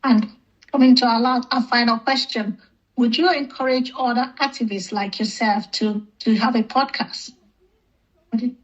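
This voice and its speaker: Female interviewer, fairly high voice, hesitant and affirming, conversational questioning, lo-fi dull sound. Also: fairly even intonation, moderate pace. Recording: dull, lo-fi recording.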